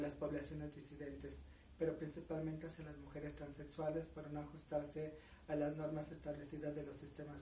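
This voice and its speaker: Her voice sits low and mellow as this earnest Mexican interviewee in her forties speaks measuredly, with frequent fillers and a Mexican Spanish accent. There's a little hiss or hum, and the recording comes from an echoey room with a far-off mic.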